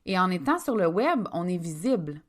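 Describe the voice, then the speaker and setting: A woman's voice: on the low side, sing-song, moderate pace. A woman with a Québécois accent hosting a casual business podcast, chatty and emphatic, talking straight to her listeners. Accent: Québécois French. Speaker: podcast host, business coach.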